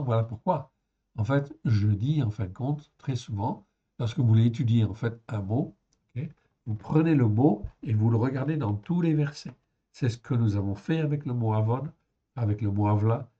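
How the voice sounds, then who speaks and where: A man's voice: medium pitch, mellow, slightly rough, dull audio. A man giving a Bible study lesson, explaining word by word and checking in with "ok?" as he goes. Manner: slow and explanatory, with frequent "en fait" and "ok?". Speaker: Bible teacher.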